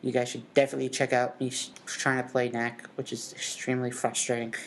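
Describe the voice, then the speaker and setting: A man's voice: medium pitch, level tone, brisk, a little hiss or hum. A man co-hosting a casual gaming chat show, rambling with many fillers and restarts. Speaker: podcast co-host.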